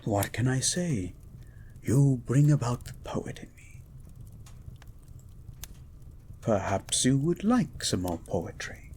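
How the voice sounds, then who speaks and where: A man playing a gentle, erudite beast of a scientist in a romantic audio roleplay, speaking in eloquent, formal, flirtatious phrases and lingering over his words. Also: medium pitch, sing-song, unhurried, slight background noise.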